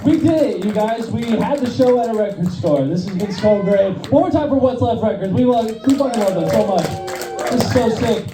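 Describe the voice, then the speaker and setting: A man's voice: high-pitched, brisk. A man hosting a comedy night, hyped and enthusiastic as he wraps up the show at a record store. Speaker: show host. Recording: roomy live room from far off, music and crowd.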